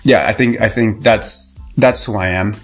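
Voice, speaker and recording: Speaking at a normal pace in a lowish voice, this young podcast guest from Canada chats in a casual interview style. He rambles, full of fillers and restarts, with faint music in the background.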